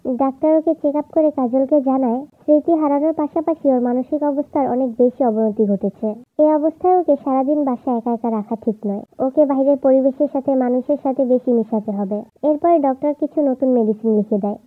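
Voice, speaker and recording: A woman narrates a story plainly and steadily. Her voice is high, and the recording is dry and slightly dull. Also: fairly quick, no room sound, soft background music.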